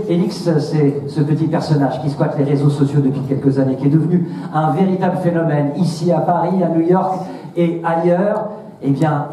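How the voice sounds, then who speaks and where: A man's voice: on the high side, dark tone. A man hosting a ceremony on stage, introducing guests in an emphatic, showmanlike way. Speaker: ceremony host. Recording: echoey hall, distant, crowd, faint noise.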